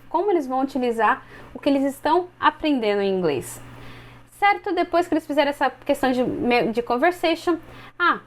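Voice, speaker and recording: A Brazilian woman in her twenties, an English teacher explaining step by step and modeling phrases slowly for other teachers. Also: high voice. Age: 20s.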